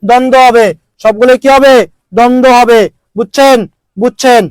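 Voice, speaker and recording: A man with a very high, smooth voice teaches a grammar lesson. He repeats each example and keeps asking the class questions. The sound is dry and close. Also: fairly even intonation, moderate pace, no room sound. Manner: repetitive, drilling questions to students.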